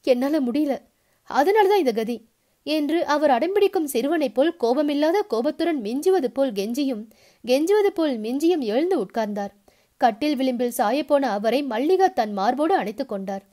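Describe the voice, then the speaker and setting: High-voiced woman reading a story. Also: animated, a little fast, dark tone. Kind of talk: reading a novel aloud.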